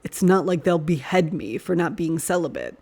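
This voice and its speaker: A woman voicing a male priest with a low, rumbling, growling voice, soft and restrained. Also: expressive, normal speed, vocal fry, husky, full character voice. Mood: low, tender.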